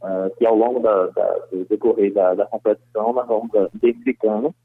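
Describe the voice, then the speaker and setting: A man, a football club director, giving a phone interview on sports radio over a landline phone, speaking in a measured, formal way with frequent fillers. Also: on the low side, steady tone, breathy edge, dry recording. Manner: measured, formal, fills pauses with "né" and "aí". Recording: tinny phone line, dry.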